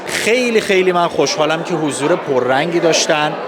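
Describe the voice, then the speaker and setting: A man with an Iranian Persian accent giving formal, courteous, halting interview answers. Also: on the high side, expressive. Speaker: festival organizer interviewee. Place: public festival space with crowd. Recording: busy crowd noise, outdoor public event.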